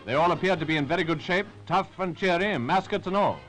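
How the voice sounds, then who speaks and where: A man's voice: sits high, animated, quick pace, fairly bright tone. A man with a British Received Pronunciation accent reading scripted 1940s newsreel narration in a formal, rousing, patriotic manner. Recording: 1940s newsreel with music behind. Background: music.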